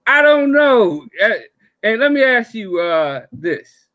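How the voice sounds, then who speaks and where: A man in his forties with a notably high voice, asking teasing, probing questions in a casual podcast chat. The sound is dry and close. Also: very animated, slow pace, fairly bright tone, dry recording. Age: 40s.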